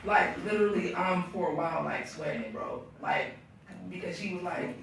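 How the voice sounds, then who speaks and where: A man's voice: sits high, lively intonation, normal speed, creaky, a bit bright. A man telling a rambling personal story during casual group banter, starting over again and again. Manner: rambling storytelling with many restarts. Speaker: podcast co-host telling a story. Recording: echoey room, distant mic, noisy.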